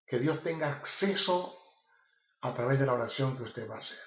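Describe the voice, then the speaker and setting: A man's voice: mid-range voice, expressive, moderate pace, fairly bright tone. Emphatic male preacher in an echoey room. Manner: emphatic and repetitive. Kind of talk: sermon. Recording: roomy, slightly dull recording.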